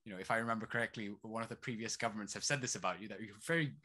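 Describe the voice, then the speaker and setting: His voice is fairly low, very fast, bright, and forceful. Appearing as an activist guest in a conversational interview, this man, who grew up between Saudi Arabia and East London, talks animatedly and rattles off rhetorical questions.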